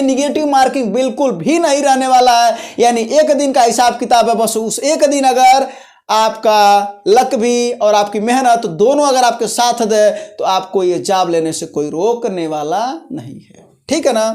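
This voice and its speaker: A host of a job-notification video channel, whose voice sits high and a little mellow, gives an informal explainer on exams and jobs. They teach step by step, repeat the main points, and often check in with listeners.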